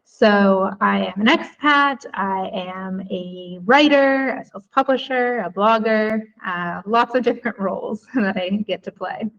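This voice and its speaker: A woman from the Chicago area, a guest author, speaks reflectively and warmly in a podcast interview, with occasional ums. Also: mid-range voice, a little slow, hardly any pauses, dull audio. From United States, Chicago area.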